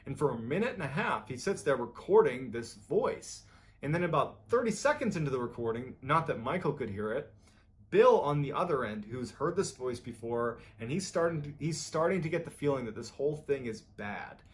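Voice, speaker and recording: A man's voice: sing-song, normal speed. A man hosting a storytelling show, narrating a true story in a conversational way and acting out the lines of the people in it. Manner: conversational, acts out quoted lines with rising pitch. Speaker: storyteller host.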